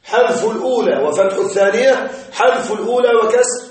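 A man teaching a grammar lesson in a classroom, explaining slowly, repeating points and checking that his students follow. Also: high voice. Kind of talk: classroom lecture on Arabic grammar. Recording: very echoey room, voice far from mic.

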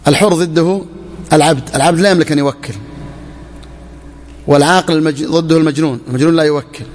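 A male sheikh giving a jurisprudence lesson, reading slowly from the text, then explaining it with repeated phrases and questions he answers himself. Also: a little high, a little mellow, long reverb tail. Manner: repeats key phrases, asks and answers his own questions; slows down when quoting the text. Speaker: sheikh teaching Islamic jurisprudence. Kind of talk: classroom lecture explaining a text.

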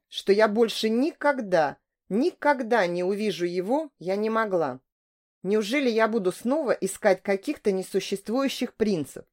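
A woman reading a first-person novel as an audiobook, with expressive, emotional delivery. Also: mid-range voice. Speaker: audiobook narrator.

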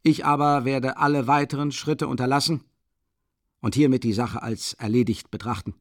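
A man doing a pompous, condescending gentleman. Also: medium pitch, steady tone, moderate pace, dry recording, studio quality, natural voice. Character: pompous, smug middle-aged gentleman. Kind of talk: audiobook character voice.

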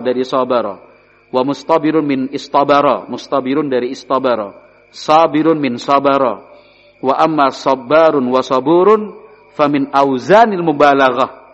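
A man teaching an Islamic study lesson, explaining Arabic words and asking his listeners questions. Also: fairly high pitch. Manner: explains Arabic terms, asks the audience questions; sprinkles in Javanese. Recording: dull recording in a hall.

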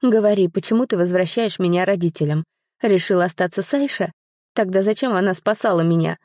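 A woman's voice: lowish voice, brisk, dark tone, dry recording, close to an everyday voice. Woman doing bitter young woman, tearful, accusing, dry close sound. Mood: hurt. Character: young woman, hurt and bitter after loss.

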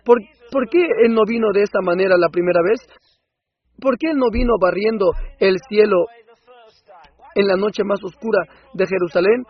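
A man dubbing a sermon in an impassioned preaching manner that swells into loud outbursts, on a dull lo-fi recording. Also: high-pitched, husky. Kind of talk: Spanish voice-over of a sermon.

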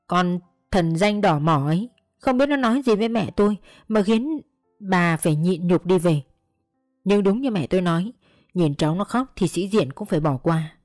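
Woman reading a long story out loud, steady and earnest, dry close sound, soft music under. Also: lowish voice, no room sound. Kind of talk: first-person story narration.

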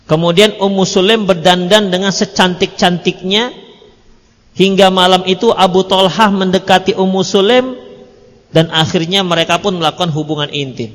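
A male religious teacher with a high voice gives a lively sermon-style lesson. He tells stories and acts out snatches of dialogue with joking asides. His voice rings through a hall with a long echo. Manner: animated storytelling, acting out quoted dialogue, joking asides. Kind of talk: sermon-style book study.

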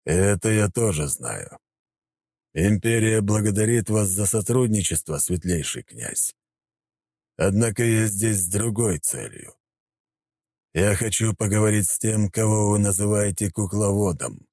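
A man voicing a calm, cold male emperor who speaks in a slow, measured way. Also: lowish voice, no room sound, clean studio sound, pitched above the performer's own voice.

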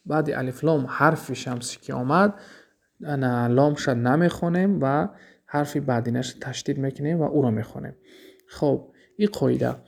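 Gravelly-voiced man teaching an Arabic grammar lesson. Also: mid-range voice. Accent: Tajik. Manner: explains patiently, asks and answers his own questions.

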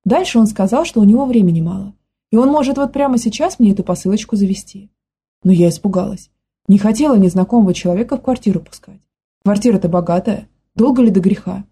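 A woman's voice: mid-range voice, warm tone, breathy edge. A woman reading the part of a frightened young nanny who speaks in a simple, folksy way. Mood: distressed telling. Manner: plain folksy talk, quick to panic.

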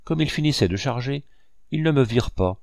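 A man narrating a first-person memoir in a steady, measured way. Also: mid-range voice, gravelly, no room sound, clean studio sound. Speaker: audiobook reader.

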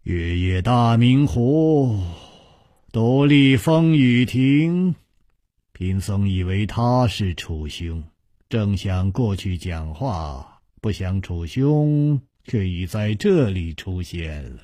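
A man voicing a calm, courteous Buddhist monk who speaks softly and measuredly. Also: fairly low pitch, takes it slowly, dry recording, clean studio sound, voice pushed down. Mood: courteous, genial.

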